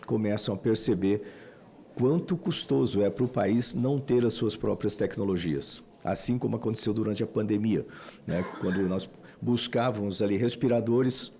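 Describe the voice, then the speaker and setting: A man's voice: fairly low pitch, normal speed, a little mellow. A Brazilian man, a senator, giving a loose, conversational parliamentary speech with frequent fillers. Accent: Brazilian Portuguese. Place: legislative committee room.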